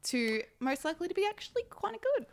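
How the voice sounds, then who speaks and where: A woman co-hosting a casual film podcast, bantering playfully and quickly. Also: very high voice, sing-song. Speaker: podcast co-host.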